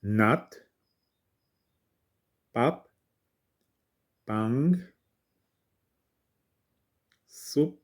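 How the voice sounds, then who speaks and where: A man giving an informal language lesson, thinking aloud haltingly as he reads out syllables and works through exercises. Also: medium pitch, animated.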